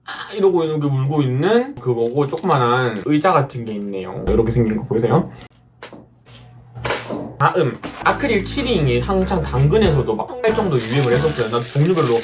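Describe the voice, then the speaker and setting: A man's voice: mid-range voice, big pitch swings, brisk, distant mic, music in the background. A man vlogging from his room as he shows off his cartoon goods, swinging between cooing over them and mock rage, with some swearing. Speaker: vlogger showing his collection. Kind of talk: casual chat.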